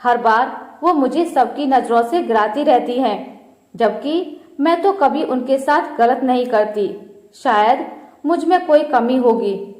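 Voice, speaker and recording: A woman voicing a gentle young daughter-in-law from a storybook, soft and submissive. Her voice is high and unhurried, with roomy echo around it. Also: expressive. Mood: meek.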